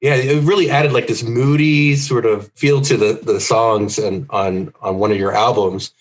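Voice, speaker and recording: A man co-hosting a live stream chat, friendly and quick to laugh as he interviews guests. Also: mid-range voice, steady tone. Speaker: co-host.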